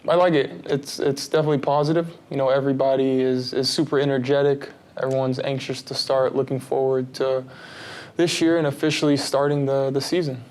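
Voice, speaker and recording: A man in his thirties, raised in Texas, answering interview questions about his career and family in a relaxed, rambling way with many fillers. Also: mid-range voice, a little fast. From United States (Texas). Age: 30s. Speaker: basketball player, interview guest.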